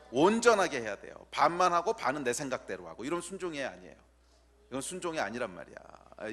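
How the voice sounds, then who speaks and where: Lively, higher-voiced male pastor quizzing kids. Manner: animated, teasing, quizzing children in the pews; repeats key words slowly for emphasis. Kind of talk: sermon.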